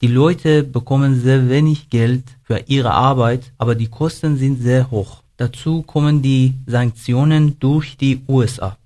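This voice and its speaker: A young man from Iran with an Iranian accent, a studio guest reading a prepared text in careful, measured learner's German. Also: medium pitch, mellow. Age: young adult.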